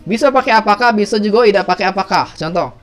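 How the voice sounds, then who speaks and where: A male teacher speaks in a high voice during a home class review lesson. His delivery is playful and lively, and he keeps calling on students by name and questioning them. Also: fast. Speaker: English teacher.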